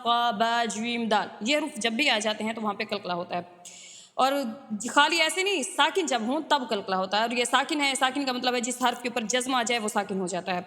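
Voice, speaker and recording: A woman with a high voice teaches Quran recitation rules. She chants each verse slowly and stretches it out, then explains it plainly and briskly. A long reverb trails after her voice. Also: a bit bright. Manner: alternates slow drawn-out Arabic recitation with brisk explanation.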